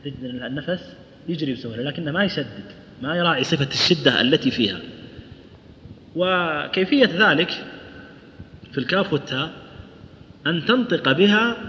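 A man's voice: a little high, sharp tone, slight background noise. Male recitation teacher, patient and questioning, dull lo-fi sound in a long-reverb hall. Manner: explains patiently, models recitation, asks students questions. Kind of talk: tajweed lesson to students. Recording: roomy lo-fi hall recording.

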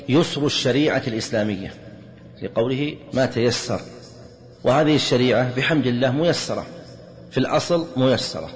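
Measured man teaching in a reverberant hall. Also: medium pitch. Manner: measured, explanatory, lists points one by one. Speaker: religious teacher. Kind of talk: Islamic jurisprudence lesson. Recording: hall reverb, faint background noise.

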